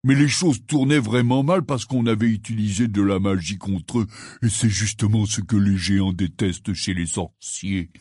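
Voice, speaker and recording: A man reading the part of a huge, gruff but kindly half-giant gamekeeper in an audiobook, telling his tale in a rambling, earnest way. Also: on the low side, normal speed, darkish tone, no echo, clean studio sound. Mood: rueful.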